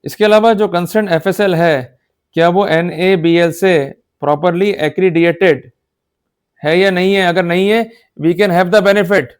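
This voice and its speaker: Unhurried and smooth, this Indian-accented man's high voice carries an explanatory law lecture mixing Hindi with English legal terms. He keeps a fairly even intonation, teaches in an emphatic, didactic way, and repeatedly poses short questions to confirm that people follow.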